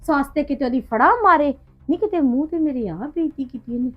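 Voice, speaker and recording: A woman's voice: high voice, quick pace, natural voice. A woman playing an indignant village wife. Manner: indignant, rambling complaint with quoted asides. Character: aggrieved village woman, complaining about in-laws. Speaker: actor in a short film. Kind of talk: village family drama. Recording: dull lo-fi sound with faint music.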